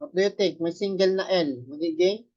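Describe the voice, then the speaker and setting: A man's voice: sits high, moderate pace, a little mellow, lo-fi sound. A man teaching a Japanese lesson, explaining step by step and often checking with his students. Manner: explains step by step, quizzing students with rhetorical questions. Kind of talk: classroom lesson explaining katakana.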